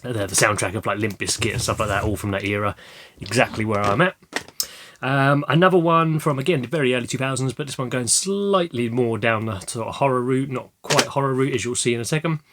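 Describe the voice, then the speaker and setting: A young man talking casually about his film collection, rambling with many ums and restarts, his throat slightly croaky. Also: mid-range voice, brisk, background noise. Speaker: video creator showing a film haul. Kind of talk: casual chat.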